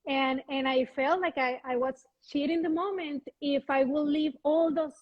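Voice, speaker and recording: A woman from Venezuela, a guest photographer chatting casually in an interview, talking in halting restarts over a video call. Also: sits high, fairly even intonation, highs cut off. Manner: halting, many restarts, light laughs.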